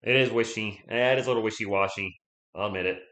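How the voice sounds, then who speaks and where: A male live-stream host calls a game as a Spurs fan, his lowish, slightly bright voice hoarse because he's losing it. He talks fast and chattily, reading viewer comments aloud, in an echoey room.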